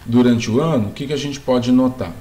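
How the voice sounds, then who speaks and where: A man's voice: medium pitch, a little fast, mellow. A man teaching a geography lesson, explaining step by step, asking the class questions and checking in with them as he goes. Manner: asks the class questions, then answers them. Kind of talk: video lesson.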